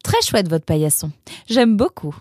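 A woman's voice: lowish voice, expressive, a little slow, a little mellow, dry recording, clean studio sound, voice pushed down. A woman voicing a chatty, breezy young daughter in a storybook, handing out easy compliments.

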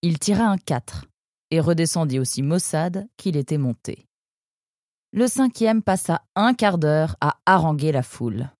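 A woman narrating a children's animal story with an expressive reading. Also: low-pitched, unhurried, no echo, studio quality.

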